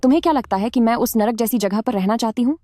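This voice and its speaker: An actress playing a soft-spoken, polite young heroine in a dubbed drama. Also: female voice, fairly high pitch, fast, no room sound, clean studio sound, natural voice.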